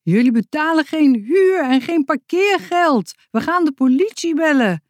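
A woman voicing an angry neighbor woman with a shrill voice in a children's storybook reading. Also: very animated, unhurried, no echo.

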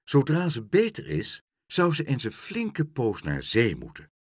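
Hurried jovial doctor, man doing him. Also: medium pitch, huge pitch swings, breathy edge, no room sound, clean studio sound, voice pushed up, exaggerated voice. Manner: jovial and rushed. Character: hurried cheerful male family doctor.

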